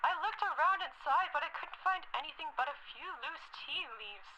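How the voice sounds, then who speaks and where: High, fretful old lady. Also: lively intonation, brisk, sharp tone. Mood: genteel worry. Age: young adult. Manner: put-on old person voice, genteel and fretful. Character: polite, worried elderly woman caller, hard of hearing. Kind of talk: scripted phone-call voice acting in a game. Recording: telephone call with faint noise.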